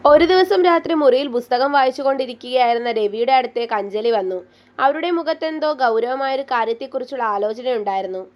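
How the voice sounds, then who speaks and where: A woman narrating a story in a calm, steady storytelling manner. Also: high voice, a little fast.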